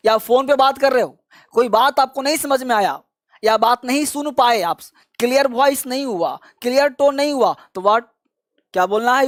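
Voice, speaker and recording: A man teaching spoken English who says each phrase slowly and then repeats it, calling his viewers friend and child. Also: extremely high pitch, dry recording, studio quality. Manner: drills phrases slowly and repeats them for learners. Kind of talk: classroom-style language lesson.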